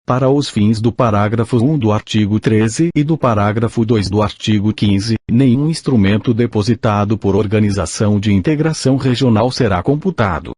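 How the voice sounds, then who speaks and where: A synthesized male voice, like an old speech synthesizer, reading a formal audiobook in a mechanical, stilted and measured way. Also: lowish voice, a little mellow, no echo, clean studio sound.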